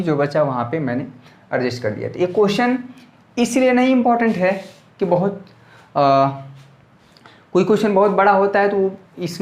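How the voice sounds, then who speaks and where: A man with a high, slightly mellow voice and a bit of a sore throat teaches maths at the board in an echoey room. He talks casually and keeps checking in with students, repeating questions like "clear?"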